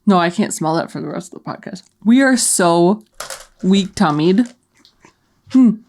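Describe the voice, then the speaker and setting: A woman's voice: lowish voice, expressive, a little slow, a little mellow, a little hiss or hum. A woman podcast co-host chatting casually and exclaiming in repeated words, grossed out as she eats and smells nasty jelly beans. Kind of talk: casual chat during a food dare.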